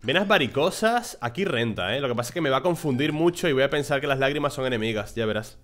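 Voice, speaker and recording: A man giving casual, excitable commentary on his own gameplay, swearing when surprised and talking to himself. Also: medium pitch, quick pace. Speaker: gameplay streamer.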